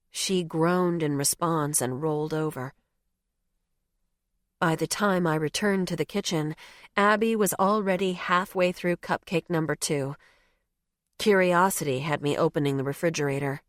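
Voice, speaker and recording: A woman's voice: low voice, no echo, studio quality. A woman narrating a novel in the first person, with a wry, conversational telling. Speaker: audiobook narrator.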